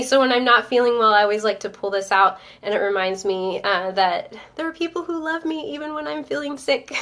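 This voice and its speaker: A woman's voice: mid-range voice, a bit bright. A woman with a stuffy head cold hosting a live stream, chatting upbeat with viewers and reading out their comments. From Northern Virginia. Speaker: host of a live-streamed show. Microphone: webcam or phone on a live stream.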